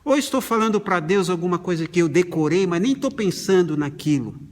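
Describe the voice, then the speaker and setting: A man's voice: high-pitched, expressive, a little fast, a little mellow, long reverb tail. A middle-aged man from Brazil giving a conversational sermon at an online prayer meeting. He often poses questions to the listeners and sometimes stumbles on words. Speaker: pastor.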